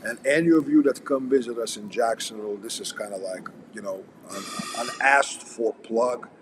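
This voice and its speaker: A man's voice: mid-range voice, moderate pace. A man with a Russian accent chatting casually in a blunt, profane, wry manner. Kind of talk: casual chat. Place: coffee house. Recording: noisy coffee house ambience.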